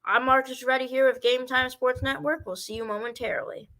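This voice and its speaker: A man's voice: extremely high pitch, fairly even intonation, brisk. A man doing amateur baseball play-by-play commentary, rambling and stumbling over player names.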